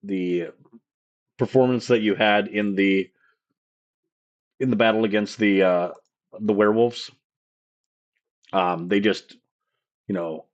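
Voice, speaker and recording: A man running a live-streamed tabletop game as game master, rambling and halting with many fillers. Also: on the low side, steady tone, muffled recording.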